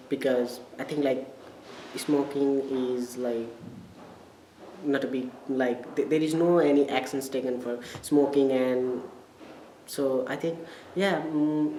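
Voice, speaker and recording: A dark-toned, mid-range male voice belongs to a young college student with a Nepali accent. He hesitates and gropes for words while giving casual interview answers, and the echoey room carries background noise.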